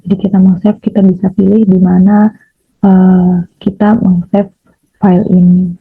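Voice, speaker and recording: A young woman explains a computer tutorial step by step, pausing often on fillers. Her voice is gravelly and very raspy, in a flat delivery. The audio is dry and thin, as if over a phone line. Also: medium pitch, dry recording. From Indonesia. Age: young adult. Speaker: chemistry education student. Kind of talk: software tutorial screencast.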